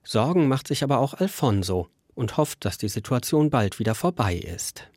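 A male reporter narrates a scripted news report, close to the mic in a dry booth. His mid-range voice keeps a steady, matter-of-fact pace. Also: medium pitch, moderate pace, no echo.

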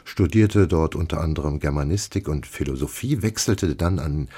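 Low-voiced male radio host. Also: moderate pace, dark tone, husky. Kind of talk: radio presentation.

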